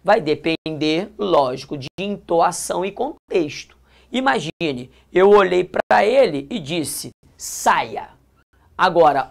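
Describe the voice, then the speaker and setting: Brazilian woman, grammar teacher; low, gravelly voice with an emphatic, chatty classroom delivery. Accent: Brazilian Portuguese. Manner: emphatic, repeats key points, colloquial asides. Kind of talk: classroom-style video lesson.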